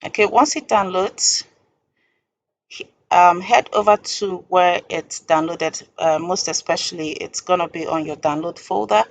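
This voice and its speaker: In a low, creaky voice, a woman guides the listener through a software tutorial one step at a time. She speaks informally, in a halting, deliberate way, with faint noise in the background.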